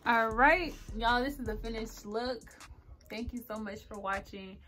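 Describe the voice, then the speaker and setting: A woman's voice: a little high, unhurried, fairly bright tone, a little hiss or hum. A woman of twenty-four, chatting casually and rambling with lots of ums and likes while getting ready on camera. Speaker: beauty vlogger. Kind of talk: casual get-ready-with-me chat.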